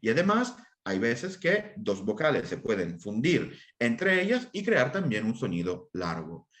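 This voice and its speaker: Lively male lecturer with animated pitch. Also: measured pace. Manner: lively, checks in with listeners often. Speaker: assyriologist lecturer. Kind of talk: explanatory lesson in an interview.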